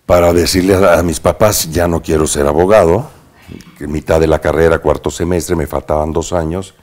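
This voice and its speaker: A man from Veracruz, Mexico, with a Mexican accent and an extremely deep, low voice, is a guest in a relaxed interview. An actor, he tells lively stories about his past at a normal speed, sprinkling in slang and punchy sound words.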